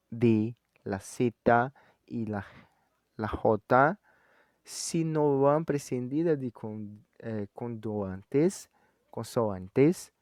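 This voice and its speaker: A man who speaks Portuguese natively, teaching Spanish grammar in a recorded lesson. He slows down to spell out each example and often checks in with "ok?" or "certo?". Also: medium pitch, warm tone, no room sound, clean studio sound.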